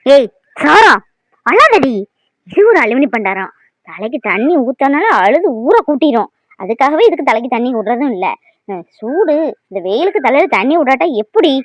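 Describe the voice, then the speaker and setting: Woman playing a bossy young cartoon mom, scolding, loud bursts, high pitch. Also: big pitch swings, brisk, dry recording, rough recording.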